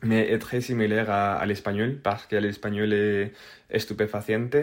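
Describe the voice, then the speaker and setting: A man's voice: on the low side, flat delivery, moderate pace. Hesitant Spanish-accented man. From Spain. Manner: hesitant, searching for French words with frequent fillers. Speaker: guest telling a personal story. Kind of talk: casual spoken anecdote.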